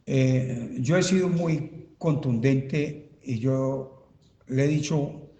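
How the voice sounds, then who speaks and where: Slow, emphatic pastor in an echoing hall. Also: male voice, medium pitch, dark tone. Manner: halting, emphatic, repeats himself while writing on a board. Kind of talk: Bible study teaching. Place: church hall. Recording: reverberant church hall.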